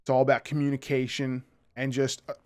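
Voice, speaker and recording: A man's voice: mid-range voice, completely flat delivery, brisk, darkish tone, smooth. A man hosting a casual gameplay tutorial, explaining radio calls and teamwork in a loose, chatty way, often checking in with "okay?" and acting out sample calls. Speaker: gaming tutorial host. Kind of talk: casual instructional commentary over gameplay.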